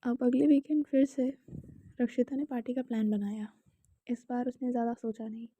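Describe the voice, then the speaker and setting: A young woman with an Indian accent narrating a romantic story calmly, sometimes in a whisper, with casual asides to the listener, in a slightly dull, dry home recording. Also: on the high side, normal speed.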